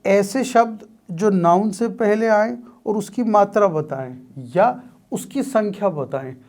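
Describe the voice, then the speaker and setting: A man teaches a grammar lesson at an unhurried, drawn-out pace. He lays out each term slowly, then turns it into a question for the class and answers it himself. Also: high-pitched, animated, darkish tone. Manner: slow, deliberate, repeats key terms as questions. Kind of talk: exam-prep grammar lesson.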